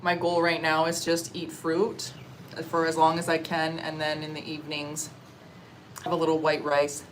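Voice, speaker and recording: Relaxed young Canadian woman livestreaming. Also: low-pitched, moderate pace, a little hiss or hum, low-quality recording. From Canada (Ontario). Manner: relaxed, chatty, eating on stream with murmurs of enjoyment. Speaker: livestream vlogger. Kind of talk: casual livestream chat reading comments. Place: outdoors or open space in a warm country.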